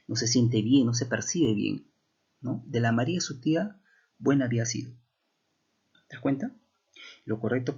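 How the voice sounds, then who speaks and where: A man's voice: medium pitch, vocal fry, darkish tone, slightly rough, highs cut off. A man teaches a language class, explaining step by step and often checking in with rhetorical questions.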